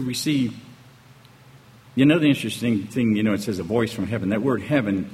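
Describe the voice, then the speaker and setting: This preacher's voice is fairly low and a little mellow. He delivers an emphatic sermon packed with rhetorical questions, often tossing in "okay?" or "right?", and the echoey hall carries faint ambient noise.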